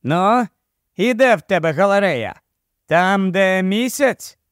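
A man's voice: high voice, lively intonation, takes it slowly, fairly bright tone, no room sound, clean studio sound, heavily acted. A man reading an audiobook, voicing a brash, foul-mouthed young male friend who jokes in crude, mocking banter. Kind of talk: audiobook character voice.

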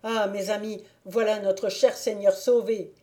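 Woman doing an excited young hunting valet. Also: mid-range voice, unhurried, close to an everyday voice. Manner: loud, emphatic exclamations.

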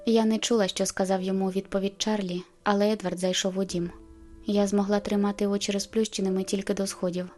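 A woman reading an audiobook in an even, subdued way. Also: medium pitch, quick pace, faint music behind. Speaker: audiobook narrator. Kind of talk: scripted narration.

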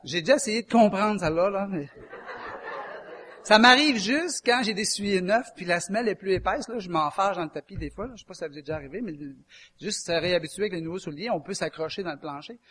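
A man's voice: high-pitched, quick pace, a bit bright. A man with a Québécois French accent preaching a chatty, folksy sermon and quizzing his listeners. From Quebec. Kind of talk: conversational sermon.

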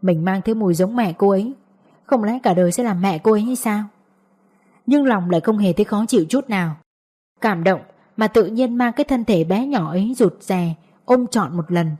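Mellow female audiobook narrator. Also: medium pitch, moderate pace, slightly rough. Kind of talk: scripted story narration.

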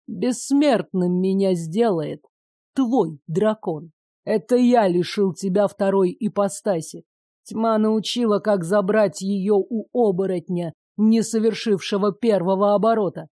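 A woman reading an audiobook, voicing a cruel, power-hungry male dark sorcerer who speaks slowly and mockingly. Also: mid-range voice, no room sound, studio quality. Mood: gloating. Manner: slow, gloating, mocking.

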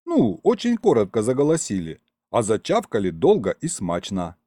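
A man narrating an audiobook in first person with a lively, expressive reading. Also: medium pitch, moderate pace, no room sound, clean studio sound.

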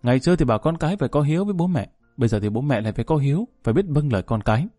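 A man's voice: medium pitch, animated, rapid-fire, dark tone, no echo, faint music behind, lightly acted. A man voicing a stern, aging father who speaks curtly and coldly, scolding his children. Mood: gruff. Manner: curt, scolding.

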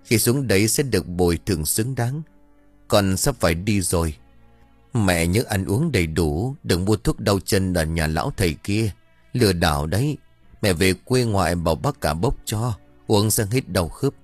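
Một người đàn ông đọc lời hồn ma cậu bé chết đuối nhập vào bà đồng, giọng buồn bã, dặn dò. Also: male voice, low voice, lively intonation, moderate pace, no room sound, soft background music. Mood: sorrowful. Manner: mournful, gently admonishing. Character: drowned boy's ghost speaking through an old woman.

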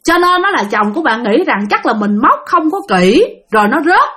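A woman tells a ghost story with a Southern Vietnamese accent, often turning to address her listeners. Her voice sits high and rises and falls with great liveliness. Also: sing-song, normal speed, sharp tone.

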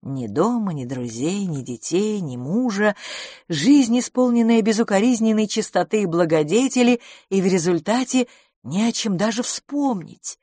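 A woman narrating an audiobook in an expressive, lively reading style. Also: medium pitch, moderate pace, breathy edge, no echo, clean studio sound. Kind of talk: scripted narration.

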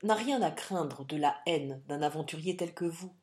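Dignified noble widow, lowish mellow tone, read by a woman, audiobook. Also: normal speed, natural voice. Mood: indignant. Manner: indignant, dignified. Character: haughty proud young widow countess. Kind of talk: audiobook reading.

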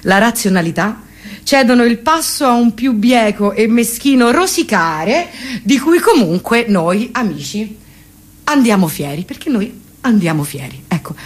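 Deadpan woman compère. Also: on the high side. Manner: ironic, deadpan. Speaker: stage performer introducing act. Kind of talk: mock-solemn comic introduction. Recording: radio broadcast with guitar behind.

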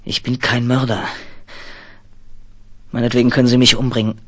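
A man's voice: medium pitch, little pitch movement, moderate pace, fairly bright tone, lightly acted. A man playing a stammering, frantic fugitive. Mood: urgent, pleading. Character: panicked man, desperate would-be bomber. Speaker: [name]. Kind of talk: 1970s radio play acting. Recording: faint hiss of an old vinyl record.

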